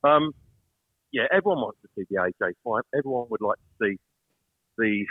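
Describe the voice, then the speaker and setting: Brief: man calling in on the move, out of breath, husky, muffled phone line, dry. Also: lowish voice, animated, normal speed, no echo. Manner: talks while walking through an airport. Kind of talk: casual podcast chat.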